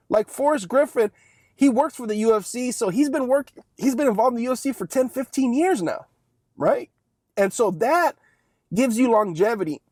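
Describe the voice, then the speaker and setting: A man's voice: high voice, a little mellow, no room sound, clean studio sound. A young man talking through a casual one-take sports monologue, rambling and chatty and often tagging lines with "right?". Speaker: sports commentary vlogger.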